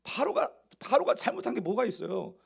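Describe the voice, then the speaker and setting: A man's voice: extremely high pitch, sing-song, brisk, gravelly, husky. A male pastor preaching a sermon, asking the congregation rhetorical questions.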